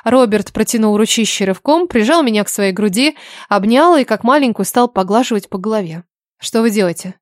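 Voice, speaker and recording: A woman's voice: a little high, fairly quick, dry recording, studio quality. A woman narrating a first-person audiobook and speaking the heroine's lines with expression. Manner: expressive, indignant in dialogue.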